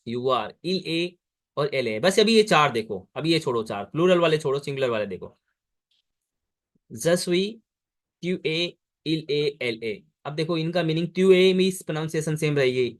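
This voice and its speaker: A man with an Indian accent teaching French to a student over a video call, patiently repeating words slowly. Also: mid-range voice. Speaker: French tutor. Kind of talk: online language lesson.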